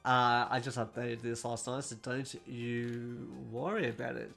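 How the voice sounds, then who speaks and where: A man hosting a casual gaming news roundup, talking quickly and correcting himself as he goes. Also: mid-range voice, steady tone, creaky, a bit bright, faint music behind.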